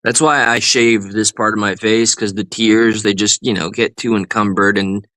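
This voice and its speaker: A man's voice: fairly low pitch, fairly even intonation, moderate pace, pushed and bright, dry recording. A man co-hosting a live stream, riffing in goofy mock-serious banter and playful fake outrage. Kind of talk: joking improvised banter.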